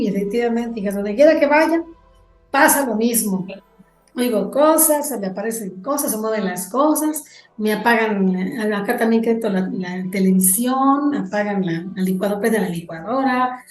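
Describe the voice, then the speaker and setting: A fairly high-voiced woman tells a ghost story to her podcast hosts. She tells it with animation and acts out every line of dialogue she quotes, and her voice rings in an echoey room. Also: darkish tone. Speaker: guest.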